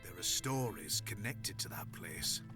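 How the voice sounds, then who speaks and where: An actor playing a grave, worried village barkeep who speaks cautioningly in an adventure game. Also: male voice, low-pitched, animated, a little slow. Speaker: video game character. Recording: loud game music behind.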